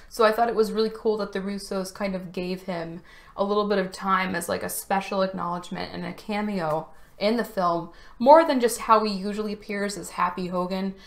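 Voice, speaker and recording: A woman chats straight to her camera from a room at home, reviewing a film in a loose, conversational way. Her voice sits at an ordinary middle pitch, and she sounds openly emotional and chatty as she goes. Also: fairly bright tone. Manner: emotional, chatty, choking up at times. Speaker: video reviewer. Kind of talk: casual chat. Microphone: camera facing speaker.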